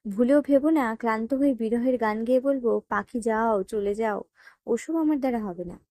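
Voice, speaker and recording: A woman reading the lines of a hot-tempered young man in an audio story, shouting and speaking through clenched teeth. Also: a little high, normal speed, no echo, natural voice. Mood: angry.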